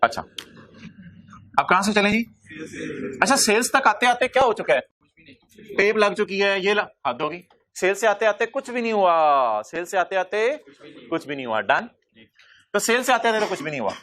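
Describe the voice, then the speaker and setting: A male accounting lecturer, teaching a class by firing quick questions at the students and answering them himself. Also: high-pitched, sing-song, a bit bright, a little hiss or hum.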